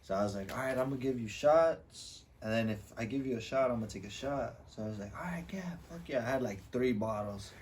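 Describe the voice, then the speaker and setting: A young man co-hosting a podcast, telling a profane, animated party story full of quoted voices. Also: fairly low pitch, quick pace, few pauses, recorded from a distance, slight background noise. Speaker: podcast co-host. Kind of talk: casual storytelling among friends.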